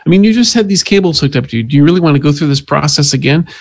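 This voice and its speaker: A man with a gravelly voice plays a tabletop game, pressing another character with pushy questions. He stumbles into restarts as he thinks aloud. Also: on the high side, lively intonation, no echo. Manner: pushy interrogator tone, halting restarts. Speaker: player. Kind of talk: tabletop role-play, speaking in character.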